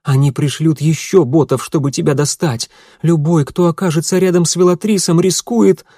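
A man voicing a panicked young woman shouting. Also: fairly high pitch, steady tone, normal speed, no echo, studio quality, voice pushed up. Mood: frightened urgent. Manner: urgent, shouting warnings. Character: frightened young woman with a pistol. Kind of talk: audiobook narration.

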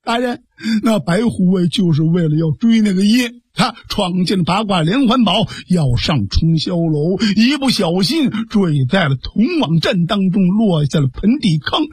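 Sly fawning male informant, as a male storyteller puts him on, husky, close dry sound. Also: sits high, lively intonation, moderate pace, hardly any pauses, no room sound, full character voice. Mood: fawning report.

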